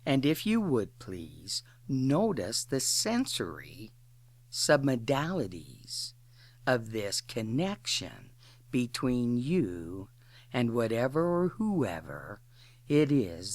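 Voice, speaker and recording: At an extremely slow pace, a woman leads an imagery meditation using short, deliberate phrases broken up by long pauses. Her instructions have a sing-song quality, her pitch rising and falling noticeably. The recording is dry and close, with no room sound.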